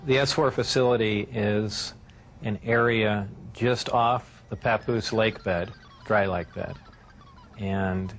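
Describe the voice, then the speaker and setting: A man answering interview questions in a hesitant way with many filler pauses, heard from a worn VHS tape copy. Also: lowish voice, a bit bright. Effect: worn VHS tape copy with faint hiss.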